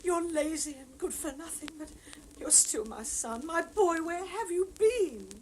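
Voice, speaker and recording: A woman's voice: extremely high pitch, expressive, a little slow, a little mellow, slight background noise. An actress playing a fretful, scolding but doting mother, exclaiming dramatically in an audio storybook. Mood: tearful, worried.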